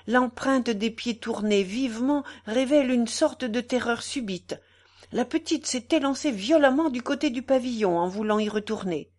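A woman's voice: fairly high pitch, moderate pace, a little mellow, pitched above the performer's own voice, lightly acted. A woman reading aloud, voicing a grown male gamekeeper who speaks with urgency. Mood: urgent. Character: grown male estate gamekeeper, alert and anxious.

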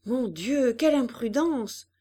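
A woman's voice: fairly high pitch, lively intonation, takes it slowly, mellow, dry recording, clean studio sound, voice pushed up. A woman reading aloud, voicing a concerned middle-aged male doctor who asks earnest questions. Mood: alarmed.

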